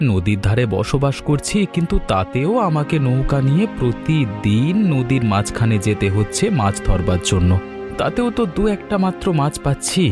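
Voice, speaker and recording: Man playing a calm, steady fisherman father. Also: medium pitch, close to an everyday voice. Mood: worried. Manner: calm, reassuring. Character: poor middle-aged fisherman, steady father. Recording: faint music underneath.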